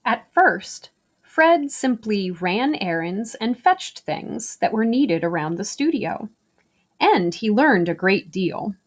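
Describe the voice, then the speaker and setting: A woman reads a children's picture book slowly and without hurry, her pitch rising and falling freely. She shapes every sentence deliberately and stresses key words in an expressive storytelling style.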